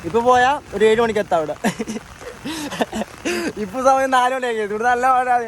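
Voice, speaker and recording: A man's voice: very high-pitched, moderate pace, background noise. A man vlogging casually on a rainy hillside trail outdoors, chatting to his viewers into a handheld phone. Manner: chatty, addresses viewers as guys. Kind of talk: casual travel vlog commentary to viewers.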